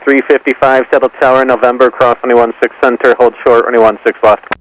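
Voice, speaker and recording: A man's voice: mid-range voice, flat delivery, fast, no room sound. A man working as a tower controller, giving clipped procedural instructions over aircraft radio. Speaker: air traffic tower controller. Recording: faintly noisy aircraft radio.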